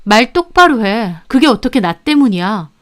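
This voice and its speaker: A woman voicing a rich, sharp-tongued wife who snaps back defensively in a family fight. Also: a little high, lively intonation, moderate pace. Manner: snapping back.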